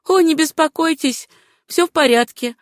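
A numb young widow speaks in a soft, lifted voice, gentle yet insistent as she turns away kindness, as a female storyteller puts her on. The sound is dry and close, with no room around it, in the manner of a read-aloud novel. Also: high voice, moderate pace, dry recording, voice pushed up, natural voice. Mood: numb insistence.

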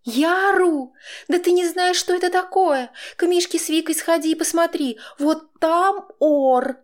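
A man voicing a nervous, quarrelsome young mother who pleads and shouts at her husband in an audiobook. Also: normal speed. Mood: shouting. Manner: pleading, then shrill and shouting.

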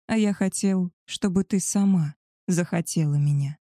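A woman voicing a male werewolf alpha, a tender and possessive lover, in a soft, husky murmur for an audiobook. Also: lowish voice, moderate pace, no echo, studio quality, natural voice. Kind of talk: audiobook character voice.

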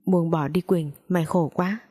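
A woman's voice: fairly low pitch, fairly even intonation, moderate pace, mellow, close to an everyday voice. A woman voicing a two-faced young female friend who talks sweetly while scheming, in a storybook reading. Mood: caring.

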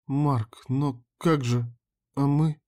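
A man's voice: medium pitch, fairly even intonation, moderate pace, mellow, pitched above the performer's own voice, natural voice. A man voicing a distraught, defiant pregnant young woman in an audiobook, with a raised, strained pleading voice. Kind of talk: audiobook character voice.

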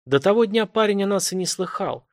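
A man voicing a goddess with a lovely voice who calmly reasons with an elder. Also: high voice, brisk, pitched above the performer's own voice.

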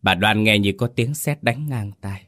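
A man with a very deep, low voice narrates a ghost story. His delivery is steady and dramatic. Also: moderate pace.

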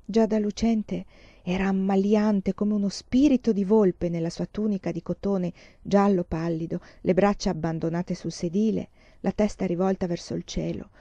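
A woman reading a novel aloud in a calm and measured way. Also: fairly low pitch, gravelly, no echo. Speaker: audiobook reader. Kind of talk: literary audiobook narration. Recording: dull lo-fi, dry.

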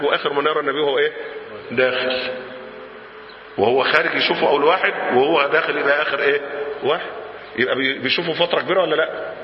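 Animated Egyptian preacher in echoey hall. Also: male voice, fairly high pitch, a little hiss or hum. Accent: Egyptian Arabic. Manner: lively, swings from murmurs to shouts, asks the crowd questions. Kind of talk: sermon. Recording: echoey hall, dull lo-fi sound.

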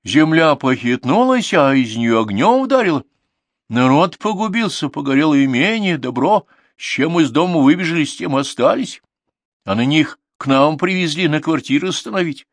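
A man's voice: a little high, lively intonation, dry recording, voice pushed up. A man voicing a simple, trusting old village grandmother with speech in an audiobook. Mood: earnest. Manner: folksy, singsong, drawn-out dialect speech. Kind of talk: audiobook character reading.

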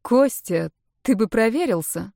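A woman's voice: on the high side, expressive, a little slow, creaky, mellow, no echo, clean studio sound. A woman doing a sarcastic cold ex-wife. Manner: sardonic, cutting.

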